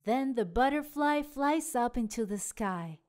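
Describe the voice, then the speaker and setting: A woman tells a children's story with a high, very lively voice. She takes her time over each phrase and speaks expressively, as a storyteller does for small children. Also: measured pace. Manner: expressive, child-directed delivery. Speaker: storyteller and show host. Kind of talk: read-aloud children's storybook narration.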